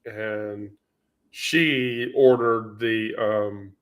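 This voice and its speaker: A man's voice: lowish voice, steady tone, extremely slow. A man vlogging in casual storytelling mode, rambling and profane, with many fillers.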